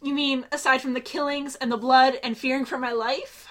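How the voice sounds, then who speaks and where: A woman's voice: high voice, fairly even intonation, moderate pace, a bit bright. A woman reading lines in a script table read, with a dramatic, emphatic delivery. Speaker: reader of a part.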